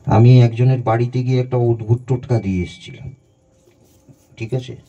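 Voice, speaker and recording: A man's voice: medium pitch, steady tone, moderate pace, warm tone, breathy edge. A man, a spiritual guru, giving a conversational devotional satsang talk and guiding the listeners through breathing meditation, on a dull lo-fi recording.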